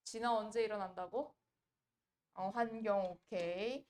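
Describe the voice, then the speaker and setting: A woman teaching an English grammar lesson, quizzing her students with quick rhetorical questions. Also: medium pitch, steady tone, a little mellow. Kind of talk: exam-prep grammar lecture.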